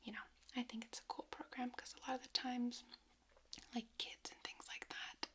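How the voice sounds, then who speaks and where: A woman speaking in a hushed library whisper, doing a whispered role-play as a friendly, chatty librarian. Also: fairly high pitch, little pitch movement, moderate pace. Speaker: ASMR performer playing a librarian. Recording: clear background noise, handling clicks.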